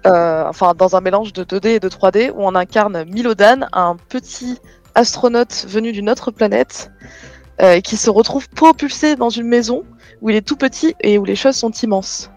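A woman's voice: medium pitch, moderate pace, darkish tone, soft background music. A woman, a guest game developer, speaking casually and modestly, often laughing and hesitating. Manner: modest, laughs easily, filler-heavy. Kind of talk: casual conversation.

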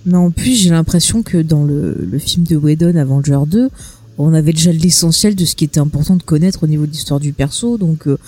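A woman's voice: low-pitched, a little fast, dark tone. A woman co-hosting a podcast, chatting casually about films in a blunt, dry, joking way. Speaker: podcast co-host. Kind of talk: casual film chat.

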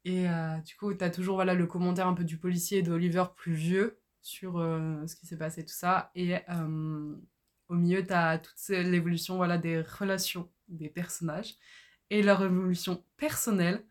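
A woman's voice: fairly low pitch, little pitch movement, normal speed. A young woman co-hosting a casual podcast, talking enthusiastically with lots of fillers. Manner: enthusiastic, gushing, many fillers. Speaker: podcast co-host. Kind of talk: casual chat about books.

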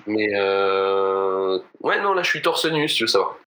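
A man's voice: on the low side, very animated, unhurried, bright, forceful tone. A man chatting casually in a hesitant way. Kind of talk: casual chat.

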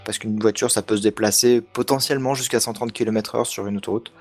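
A man's voice: on the low side, fairly even intonation, fast, soft background music. A man hosting a casual tech podcast chat, explaining news in a hesitant way with many restarts and fillers. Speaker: podcast host.

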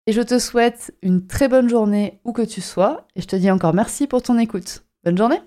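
A woman's voice: fairly high pitch, moderate pace, warm tone. A woman hosting her own podcast as a horse shiatsu practitioner, chatting casually and often repeating and rephrasing herself. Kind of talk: casual solo podcast talk.

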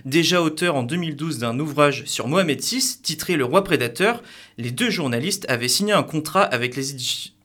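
A man's voice: on the high side, a bit bright. Young man reading student news. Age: young adult. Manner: measured, formal delivery. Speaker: news presenter.

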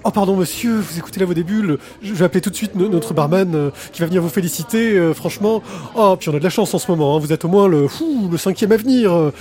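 A man's voice: high voice, fast, warm tone, close to an everyday voice. A man playing a polite, grovelling restaurant waiter in a comic sketch. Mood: fawning. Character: fawning male restaurant waiter.

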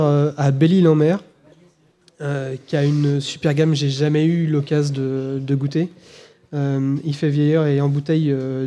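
This is a man talking casually on a live podcast. His pitch sits a little high, and his tone is dark and mellow. He hesitates a lot, restarting sentences and filling gaps with "euh". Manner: hesitant, many fillers and restarts. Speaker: podcast co-host presenting whiskies. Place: live event recording.

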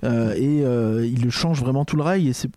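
A man's voice: moderate pace, a little hiss or hum. A man co-hosting a casual podcast, sarcastic, his voice jumping up when he jokes. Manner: sarcastic, animated jumps in pitch.

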